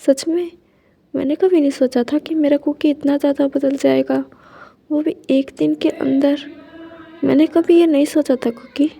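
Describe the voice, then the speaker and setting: A tearful young husband full of jealous reproach, voiced by a woman in a high, soft reading voice. He pleads and accuses by turns, his tone mellow rather than sharp. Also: fairly even intonation, normal speed, gravelly. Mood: hurt pleading.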